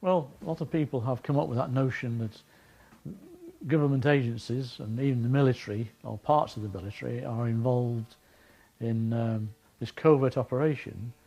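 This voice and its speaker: Gravelly, dark-voiced man being interviewed. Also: medium pitch, steady tone, low-quality recording. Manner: measured, recounting with frequent restarts. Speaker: investigator of animal deaths. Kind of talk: interview answers.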